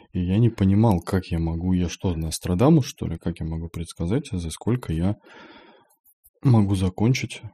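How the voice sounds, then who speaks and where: A man's voice: sits low, dark tone, breathy edge. A man, an IT developer, talking through his work experience in a plain-spoken monologue, thinking aloud. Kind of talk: casual monologue.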